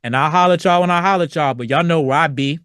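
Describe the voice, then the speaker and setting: A man's voice: on the high side, very fast, fairly bright tone, clean tone, dry recording, clean studio sound. Profane laid-back male podcast host. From Virginia. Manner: loose, profane, slangy, acts out quoted voices. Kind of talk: solo podcast rant.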